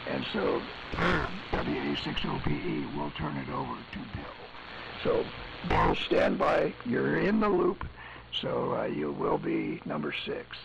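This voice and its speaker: A man running an amateur radio net, speaking over a gritty lo-fi ham radio transmission in a brisk, halting way. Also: on the high side, sing-song, gravelly. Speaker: radio net control operator. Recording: muffled radio audio, heavy static.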